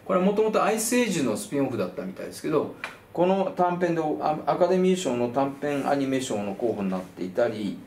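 Brief: male film-talk host, Kansai dialect in daily life, animated and jokey, very lively pitch, roomy echo. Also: fast talker, slight background noise. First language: Kansai dialect speaker.

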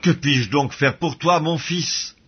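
A man reading the part of an old blind father who blesses his son, in a solemn, measured way. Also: on the high side, slightly rough, exaggerated voice. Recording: dull lo-fi audio.

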